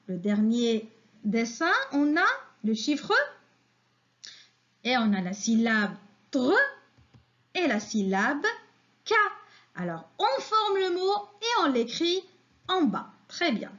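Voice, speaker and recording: A woman's voice: on the high side, very animated, slow, long pauses, highs cut off. A woman teacher giving a patient phonics lesson to young children, asking questions and praising answers.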